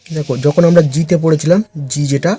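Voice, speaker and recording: Man drilling letter sounds, mellow voice. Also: fairly high pitch, fairly even intonation, quick pace, slightly rough. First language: Bengali. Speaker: English teacher. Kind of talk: phonics lesson for beginners.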